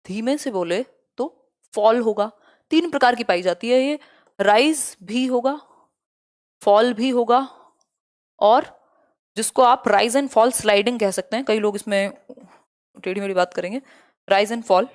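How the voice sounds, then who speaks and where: Brisk teacher woman. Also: a little high. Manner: brisk, chatty, mixes Hindi and English terms. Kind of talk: online exam-prep lecture.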